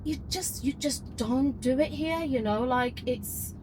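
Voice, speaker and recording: A woman's voice: high voice, a little slow, noisy background. A woman from Ukraine, a teacher riding as a passenger, talking casually in a car with a hesitant, restarting manner. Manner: hesitant, many fillers and restarts. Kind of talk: casual conversation. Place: back seat of a car.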